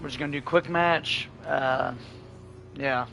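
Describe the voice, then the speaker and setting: Brief: male game streamer, voice going hoarse, casual running commentary, some fry. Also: on the high side, a little slow, faint music behind. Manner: relaxed, thinking aloud while playing. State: hoarse, losing his voice.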